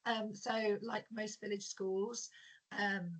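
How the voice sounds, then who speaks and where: A woman, a teacher giving a prepared presentation in a croaky, hoarse voice with frequent ums. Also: medium pitch, takes it slowly, poor audio. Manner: steady, explanatory, with frequent ums.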